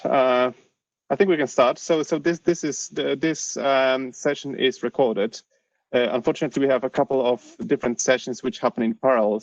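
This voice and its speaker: A man hosting an online session from a shared office, speaking haltingly through a face mask with very frequent hesitations. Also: mid-range voice. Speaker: host of an online research session. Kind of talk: hesitant spoken introduction. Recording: roomy, distant, dull sound.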